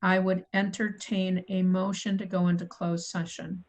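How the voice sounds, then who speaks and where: A woman's voice: fairly low pitch, level tone, normal speed, poor audio. A middle-aged woman chairing a city committee meeting over a video call, reading agenda items in a procedural way and correcting herself as she goes. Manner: procedural, apologetic, self-correcting.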